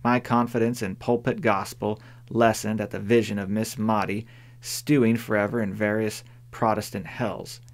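Low-voiced male audiobook narrator. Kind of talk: scripted narration.

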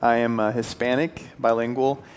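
A Puerto Rican man in his twenties gives a friendly, earnest church talk as a guest speaker in a hall with a stone fireplace, with some restarts along the way. His mid-range voice shows little pitch movement, flowing smoothly at normal speed. He starts on a handheld mic and then switches to a headset.

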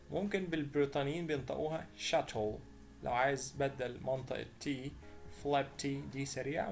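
A man with an Egyptian Arabic accent teaching English vocabulary. He says each word slowly several times, then gives its meaning. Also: medium pitch, creaky, a little mellow. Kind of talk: vocabulary lesson voice-over.

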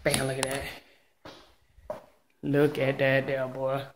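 A man's voice: medium pitch, monotone, slow, roomy sound, background noise. A man in his thirties hyping up his home gym setup in a casual, slangy way, filming on a handheld phone in a bare garage. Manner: hyped, boastful, slangy. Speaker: fitness vlogger. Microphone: handheld phone camera.

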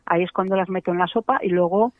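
A woman's voice: fairly low pitch, steady tone, quick pace, dry recording. A woman, a macrobiotic cooking guest on a radio interview, chatty and explanatory, with many tag questions. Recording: dry, tinny phone line.

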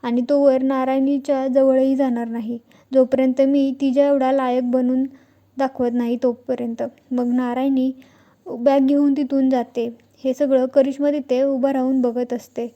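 Woman, high-pitched, soft and mellow tone, flat even delivery, scripted recap narration, reads dialogue in her own voice. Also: normal speed, muffled recording.

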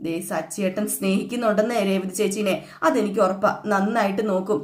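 A woman's voice: mid-range voice, steady tone, brisk, close to an everyday voice. A woman voicing an earnest young woman who reassures her worried mother. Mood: reassuring. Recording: echoey room.

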